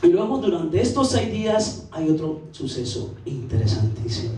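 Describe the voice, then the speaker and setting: A man preaching a sermon as pastor, earnest and steady, pausing and restarting phrases as he goes. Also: fairly high pitch, distant mic, slight background noise. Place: large church sanctuary. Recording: very echoey church recording from afar.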